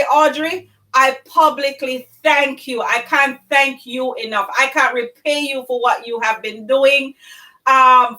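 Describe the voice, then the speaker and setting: Middle-aged woman, live cooking host, high bright voice, chatty and effusive with viewers. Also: rough recording. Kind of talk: live-streamed cooking chat.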